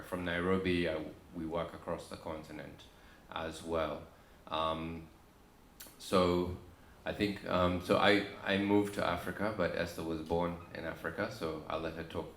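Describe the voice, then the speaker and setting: A man with an Australian accent speaking on a conference panel, relaxed and halting with many ums and restarts. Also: low voice, a little hiss or hum. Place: conference room. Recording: echoey conference room with faint ambience.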